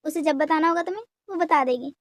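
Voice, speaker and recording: A woman voicing a calm, protective father. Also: high-pitched, quick pace, dry recording, natural voice. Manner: calm, firm.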